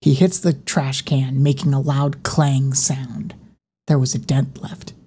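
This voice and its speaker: Woman reading a horror audiobook, dark mellow voice, even and unhurried. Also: very deep voice, a little hiss or hum. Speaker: audiobook narrator.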